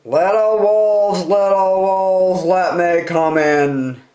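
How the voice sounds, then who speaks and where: A woman voicing a menacing, taunting big bad pig with a gruff edge, in a picture-book read-aloud. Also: fairly low pitch, steady tone, very slow, mellow, roomy sound. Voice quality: grunting, gruff.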